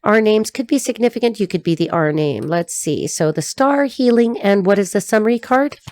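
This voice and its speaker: A woman's voice: mid-range voice, animated, normal speed, a little mellow. A middle-aged woman giving a casual, rambling tarot reading to camera, laughing often as she talks. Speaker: tarot reader.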